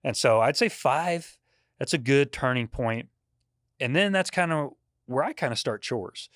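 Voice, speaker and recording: A man's voice: medium pitch, expressive, unhurried, fairly bright tone, no room sound, clean studio sound. A man in his forties, a podcast guest chatting casually, who tells rambling stories and laughs often. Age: 40s. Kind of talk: casual chat.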